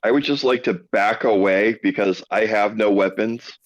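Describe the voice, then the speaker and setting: A man's voice: lowish voice, normal speed. A man playing a tabletop role-playing game, tentative and polite in character. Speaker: player. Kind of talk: casual tabletop game play. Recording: dull lo-fi sound.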